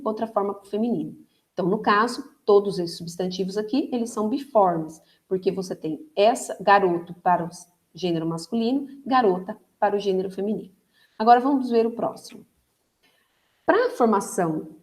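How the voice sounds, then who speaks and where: A Brazilian woman teacher giving a recorded grammar lesson, patient and explanatory, checking understanding with quick tag questions and stretching words to stress their syllables. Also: medium pitch, a little mellow. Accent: Brazilian Portuguese.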